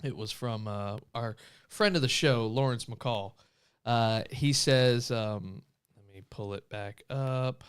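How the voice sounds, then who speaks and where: A man with a smooth, clean voice and a middle pitch co-hosts a casual online talk show. He tells stories in an animated way, breaking into laughter and acting out what people said. His tone stays relaxed and chatty. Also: slow pace. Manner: animated storyteller, laughs often, acts out quotes. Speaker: podcast co-host. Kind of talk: casual chat, storytelling.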